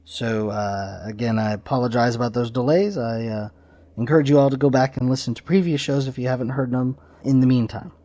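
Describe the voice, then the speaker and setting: A podcast host with a warm, medium-pitched voice talks fairly quickly. He gives casual introductions in an informal, slightly rambling way, and the lo-fi audio sounds slightly dull.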